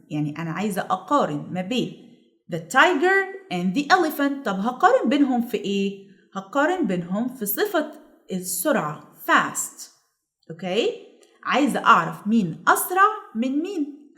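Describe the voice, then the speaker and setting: Lively Egyptian woman teaching English. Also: a little high. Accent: Egyptian Arabic. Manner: slow stretched-out English examples; keeps checking in with "okay?". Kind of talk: classroom lesson.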